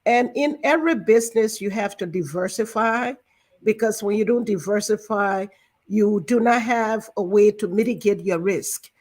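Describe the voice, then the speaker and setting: Liberian-born woman in her sixties, interview guest; measured and explanatory, lots of fillers. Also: mid-range voice, a little mellow. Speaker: guest, banking director. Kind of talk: interview talk.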